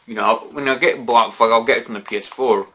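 A young British man talks to the camera in a casual, drunken ramble. His voice is mid-pitched and bright, with a forceful edge. He circles back over his points and throws in mild swearing and filler phrases. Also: a little fast. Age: 20s. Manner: repetitive, rambling, peppered with "you know" and mild swearing. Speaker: gaming vlogger. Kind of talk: casual vlog chat to camera. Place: small bedroom, indoors.

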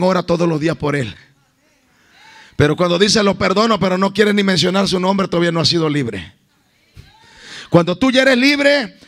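A man's voice: high voice, fairly bright tone. A man preaching a sermon as a guest evangelist at a church service, impassioned and calling out to his listeners as beloved brothers.

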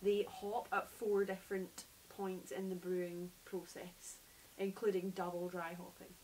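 A woman's voice: fairly low pitch, level tone, unhurried, darkish tone, low-quality recording. Scottish woman in her thirties, chatty co-host, sofa chat, faint hiss. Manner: chatty, enthusiastic. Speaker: beer review co-host. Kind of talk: casual chat. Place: living room sofa, indoors.

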